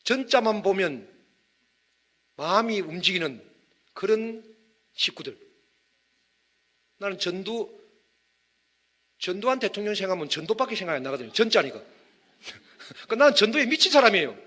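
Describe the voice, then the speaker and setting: A man preaching a lively sermon, joking with wordplay and calling on the congregation to raise their hands. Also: high-pitched, normal speed, pauses often. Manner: energetic, humorous, with wordplay and audience prompts. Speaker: pastor. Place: church hall.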